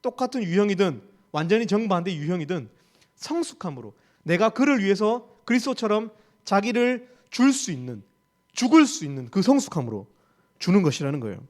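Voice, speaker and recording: Gyeongsang-accented male preacher, high voice, emphatic, lots of rhetorical questions. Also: very animated, fairly quick. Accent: Gyeongsang Korean. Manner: emphatic, rhetorical questions, repeats key phrases. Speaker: campus ministry staff preacher. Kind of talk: sermon.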